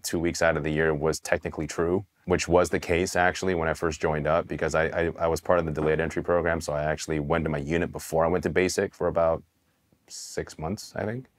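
Seated on camera on a dark indoor studio set with a hidden mic, a man in his thirties tells his Army story. Born in Taiwan and raised in California, he speaks in a very deep voice, relaxed and candid, swearing casually and often restarting his sentences.

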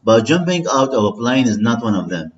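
A man whose first language is Arabic, teaching English by repeating each phrase slowly and translating it for his students. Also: mid-range voice, very animated. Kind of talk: slow drilling language lesson, repeating and translating. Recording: slightly dull, lo-fi recording with faint noise.

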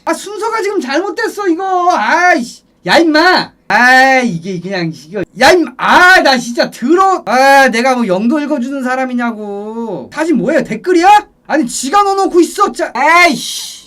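Male streamer, very high shrill voice, yelling and swearing, rapid repeated shouts, live stream chat. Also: slight background noise. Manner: frequent excited yelling and swearing.

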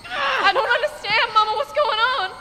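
A woman's voice: very high voice, moderate pace, background noise. A woman playing a frightened young daughter pleading with her parents in a game.

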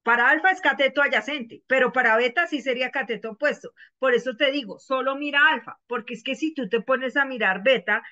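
Lady teacher explaining math online, bright voice, kinda muffled call audio. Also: sits high, fairly quick, hardly any pauses. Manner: patient, repeats questions to students.

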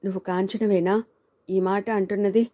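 A woman's voice: medium pitch, level tone, normal speed, mellow, natural voice. A woman voicing a heartbroken, resigned woman novelist in a storybook reading, speaking with bitterness. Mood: bitter.

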